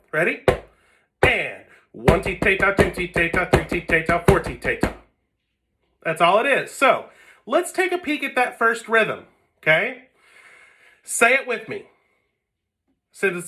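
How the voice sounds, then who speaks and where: A man's voice: high voice, bright, forceful tone. A man teaching an online string lesson from home on a phone camera, patient, checking in often. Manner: patient, repeats 'okay?' often. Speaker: music teacher. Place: home, seated with whiteboard.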